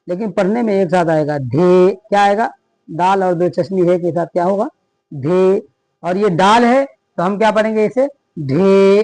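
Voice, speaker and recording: Brief: male teacher, high-pitched, patient quiz-style alphabet lesson, close dry mic. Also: a little mellow, dry recording. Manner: repeats each sound and quizzes the listener. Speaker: Urdu teacher at a madrasa.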